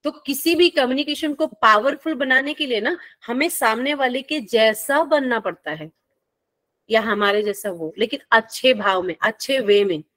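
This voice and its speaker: A woman teacher lectures in a friendly, playful way and keeps checking in with her students. Her voice sits a little high, and she. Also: expressive, moderate pace, fairly bright tone, no room sound. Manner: friendly, playful teaching with call-and-response questions. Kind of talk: classroom lecture.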